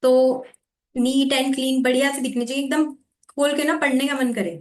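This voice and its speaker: A woman teaching exam preparation, explaining how to make notes and reading passages aloud slowly in a mix of Hindi and English. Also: high voice, fairly even intonation, roomy sound. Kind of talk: explaining note-making while reading aloud.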